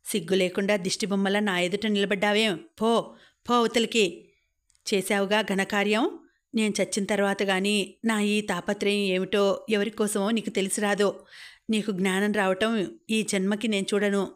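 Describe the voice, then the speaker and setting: A woman's voice: mid-range voice, level tone, moderate pace, close to an everyday voice. A woman voicing an ailing elderly mother who scolds and sighs with weary complaint in an audiobook novel reading. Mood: angry.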